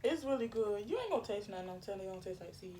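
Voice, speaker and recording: A woman's voice: medium pitch, animated, very fast, dark tone, a little hiss or hum. A woman talking casually to viewers while eating and chewing, in a mukbang question-and-answer chat. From Florida, United States. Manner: informal, addresses viewers as y'all. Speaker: mukbang host.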